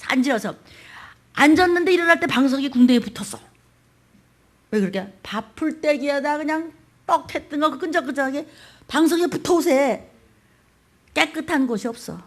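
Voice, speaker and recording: A woman pastor delivers a sermon in a colloquial, dramatic style, with a voice that sits high. She acts out quoted voices, poses rhetorical questions, and swings between loud outbursts and hushed whispers.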